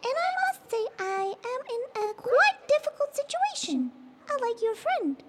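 A performer voicing a small, earnest female guardian elf in a children's story, squeaky and formal in manner. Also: sing-song, measured pace, heavily acted. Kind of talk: children's audio story character voice. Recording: loud background noise.

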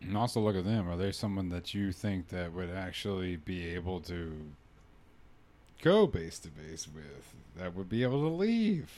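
Animated, joking man of thirty. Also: low-pitched, normal speed. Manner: animated, joking, laughs easily. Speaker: podcast host. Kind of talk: casual podcast chat.

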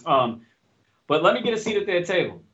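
A man's voice: high voice, very animated, a little fast, fairly bright tone. Blunt, profane man on a lo-fi mic. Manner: blunt, profane, straight-talking. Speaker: podcast host. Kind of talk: casual chat. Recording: dull lo-fi recording.

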